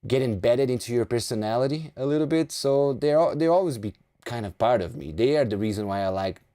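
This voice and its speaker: A sleepy Brazilian man in his thirties, a native Portuguese speaker with a Brazilian accent, chats casually with viewers on a live stream. His medium-pitched voice has a dark tone and lively intonation, and he talks fairly quickly, often repeating words as he restarts.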